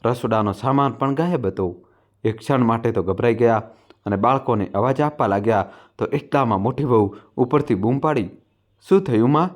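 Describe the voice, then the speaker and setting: A man narrating a family story in a steady, even storytelling manner. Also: medium pitch, normal speed. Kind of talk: scripted narration.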